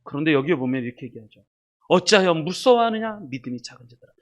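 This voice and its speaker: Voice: mid-range voice, steady tone, very fast. A pastor preaching a sermon, addressing the congregation directly and repeating key words for emphasis. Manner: dramatic, swings between loud emphasis and hushed asides; addresses the congregation directly and asks rhetorical questions.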